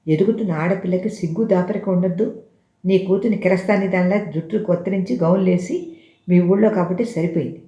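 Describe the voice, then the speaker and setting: A storyteller voicing a stern, domineering grandmother who scolds loudly, in a roomy, dull recording. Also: medium pitch, close to an everyday voice. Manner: scolding, shouting.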